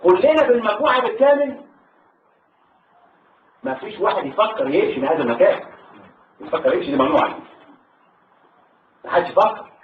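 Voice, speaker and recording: An older Egyptian man with an Egyptian Arabic accent, a war veteran telling his story to a salon audience in an animated, halting way. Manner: animated, rising into high pitch when moved, halting restarts. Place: hall at a literary salon. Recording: tinny distant hall recording with echo.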